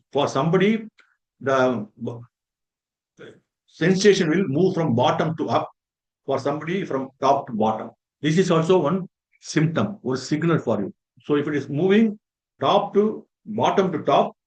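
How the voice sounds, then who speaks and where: A man's voice: medium pitch, darkish tone, muffled recording. Earnest man lecturing teachers. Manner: earnest and repetitive, stresses points with "very, very important" and everyday examples. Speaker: resource person for a faculty development program.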